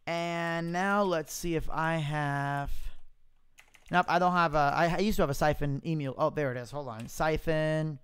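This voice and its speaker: A man presenting a software demo in a casual live tutorial, informally thinking aloud into a close mic with popping plosives. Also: on the high side, fairly even intonation, unhurried, clean tone. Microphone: close mic without pop filter, popping plosives.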